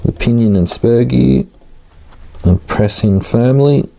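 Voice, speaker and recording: A man giving a casual, hands-on tutorial, informal and halting as he thinks aloud while working. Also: medium pitch, gravelly, warm tone, rough recording. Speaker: hobbyist host of an RC car build series.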